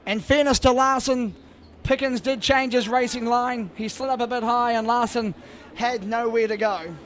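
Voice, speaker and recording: A man giving excitable hype race commentary as a track announcer, shouting and drawing out his calls to build drama. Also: extremely high pitch, normal speed. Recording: loud engine and crowd noise behind.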